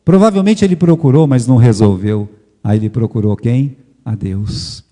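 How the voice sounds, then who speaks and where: Brazilian pastor preaching in a reverberant church. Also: male voice, medium pitch, normal speed. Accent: Brazilian Portuguese. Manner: dramatic storytelling, swings between loud emphasis and hushed asides; addresses the congregation as brothers. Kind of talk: sermon. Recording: long church hall reverb.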